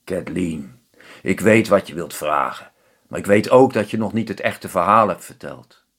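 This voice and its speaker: A man reading a grim middle-aged fisherman father from a storybook. His voice is low and husky, grave and heavy. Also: normal speed, fairly bright tone, full character voice.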